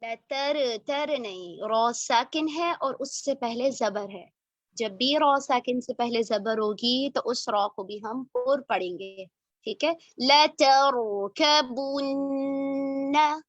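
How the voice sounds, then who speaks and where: A woman with a high voice teaches Quran recitation in an online lesson, modelling each word with long, unhurried care. Between drills she corrects pronunciation and praises quickly. The sound is dry and slightly muffled, like a call recording. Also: no echo. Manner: models verses slowly, corrects and praises briskly.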